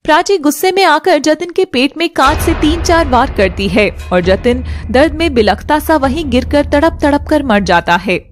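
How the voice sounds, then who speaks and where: High-voiced woman narrating a drama. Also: big pitch swings, normal speed, few pauses, soft background music. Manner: earnest, emotional, addresses viewers directly.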